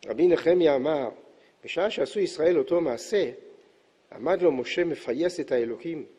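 A man's voice: on the high side, lively intonation, mellow, breathy edge. A male religious teacher explaining scripture and midrash, quoting verses and unpacking them. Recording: echoey hall, dull lo-fi sound.

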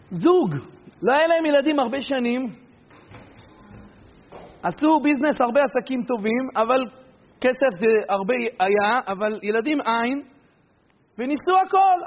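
A man preaching a sermon and telling stories, acting out the people in them with animated delivery. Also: very high-pitched. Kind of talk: sermon with storytelling. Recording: dull recording with long hall reverb.

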